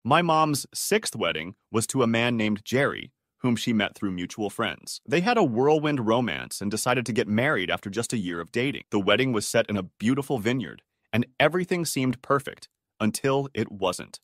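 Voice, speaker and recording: A man's voice: mid-range voice, lively intonation, moderate pace, fairly bright tone, dry recording, clean studio sound. A man reading out dramatic stories as a storyteller. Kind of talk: scripted story narration.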